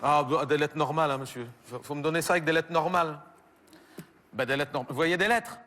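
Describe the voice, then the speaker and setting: A Belgian French comedian on stage, doing one side of a phone call, stammering and bemused. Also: male voice, on the high side, fairly quick, sharp tone, big-room sound. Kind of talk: stand-up phone sketch. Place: theater stage with audience.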